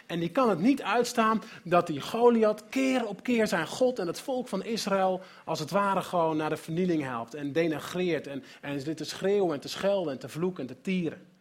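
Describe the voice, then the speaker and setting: A male preacher retelling a story in a sermon, animated and dramatic, with sudden turns between loud and soft. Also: sits high, moderate pace.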